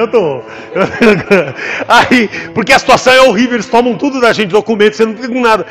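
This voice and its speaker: A man with a Brazilian Portuguese accent, a pastor giving an animated testimony in church and acting out the voices in his story. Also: high-pitched. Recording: long hall reverb with faint music behind.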